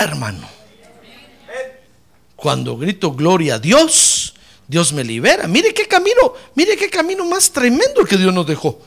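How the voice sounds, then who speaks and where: A man preaching a fiery sermon in church, dropping to low asides and then rising to shouted praise. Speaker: pastor.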